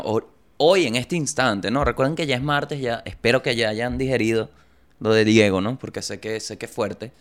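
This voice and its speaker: A young Venezuelan man with a Venezuelan accent, hosting a comedy podcast and telling jokey stories in an animated way. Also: medium pitch, clear, resonant tone. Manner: joking, animated storytelling with voices. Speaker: podcast host. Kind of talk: comedic monologue.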